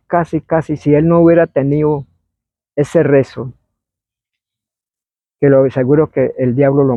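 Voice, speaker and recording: A man, telling an oral history story in a meandering way and acting out shouts and quoted voices. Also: a little high, dry recording. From Colombia. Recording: dry, phone-like narrow sound.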